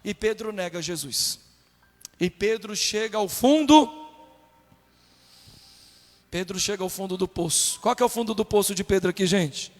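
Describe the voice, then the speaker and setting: A man from Brazil, a pastor preaching a sermon with animated delivery, acting out quotes in a raised voice. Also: high-pitched, normal speed, long pauses. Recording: long hall reverb with faint music.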